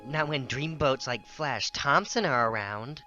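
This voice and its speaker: A woman's voice: extremely low pitch, a little slow, highs cut off, full character voice. A woman playing a spirited, exasperated mid-century lady in a hammy, theatrical dramatic reading. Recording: loud music behind.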